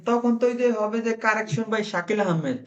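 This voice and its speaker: Brief: male Italian tutor, slow patient drills with repeats. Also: sits high, expressive, lo-fi sound. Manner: explains slowly, drills phrases with repeats. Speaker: Italian language teacher. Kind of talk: online group language lesson.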